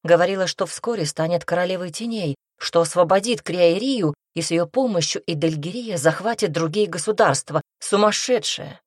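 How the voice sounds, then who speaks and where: A woman's voice: lowish voice, normal speed, few pauses, no echo, clean studio sound, lightly acted. A woman voicing an outspoken, impulsive young heroine who talks emphatically. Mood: indignant. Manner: emphatic, exclaiming.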